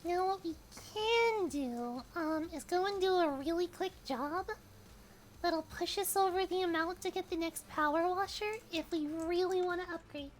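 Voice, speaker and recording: An extremely high, cute anime girl streamer voice. She is shy and bashfully apologetic, with a sweet cutesy manner. She chats casually as she plays a game on a livestream. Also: moderate pace, slight background noise. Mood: playful, pleading. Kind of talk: casual livestream chat while gaming.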